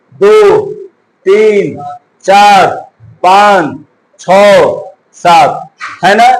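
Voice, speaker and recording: A man's voice: high-pitched, rough recording. A male coaching teacher, giving a chemistry lesson, asking and answering his own questions and counting aloud.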